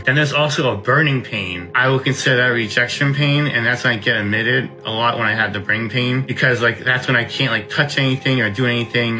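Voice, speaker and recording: A man gives casual, explanatory answers in a bright, clear-cut tone. His lips sound slightly numb, so some words come out impeded. Faint music plays behind him. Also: mid-range voice, rough recording. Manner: slightly impeded lip articulation, as if numb-lipped. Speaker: interviewee, transplant patient.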